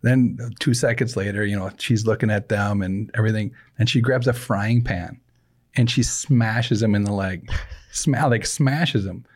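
Lower-voiced middle-aged guy, chatty podcast host, keeps laughing through his stories. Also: measured pace. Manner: laughs often while telling stories. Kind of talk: casual chat.

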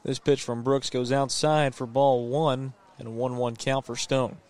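A man provides live play-by-play commentary on a baseball game. His voice sits at a middle pitch as he follows the count and the action on the field. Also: level tone, unhurried, darkish tone.

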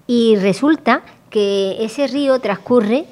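A woman's voice: a little high, slow, a little mellow. A woman co-hosting a casual radio chat, chatty and finishing her partner's sentences. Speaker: radio co-host. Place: local radio studio.

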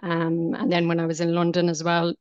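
A woman's voice: fairly low pitch, monotone, brisk, darkish tone, clean tone, dry recording, muffled recording. A woman in her thirties with a west of Ireland accent, answering questions conversationally as a podcast guest. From County Mayo, west of Ireland. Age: 30s. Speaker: podcast guest, Gaelic footballer.

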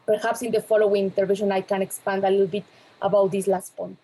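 A woman speaking as a lecturer on an online panel, measured and formal. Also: medium pitch, little pitch movement, mellow, husky, poor audio. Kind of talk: academic panel talk.

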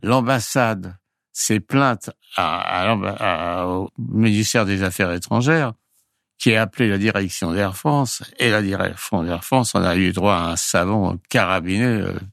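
A man's voice: low voice, measured pace, creaky, a bit bright, no room sound, studio quality. An older man, a retired flight crew member, casually telling anecdotes in a rambling way, often chuckling and restarting his sentences.

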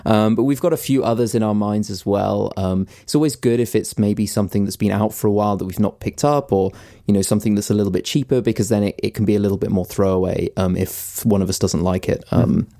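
Male podcast co-host, low mellow voice, easygoing and filler-heavy. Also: fast talker, hardly any pauses, no echo, clean studio sound. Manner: relaxed, laughing, many fillers. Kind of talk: casual podcast chat.

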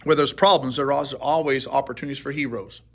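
A man's voice: medium pitch, steady tone, fast. A man, a pastor, leading a casual Bible study and firing questions at his group in a conversational way. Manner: conversational, asks and answers his own questions. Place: church classroom.

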